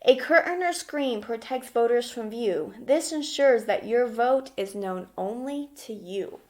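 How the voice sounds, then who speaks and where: With a somewhat high, animated voice and an unhurried pace, a woman teaching elementary school reads to young kids. She keeps explanations simple, asks questions, and checks in frequently while giving instructions.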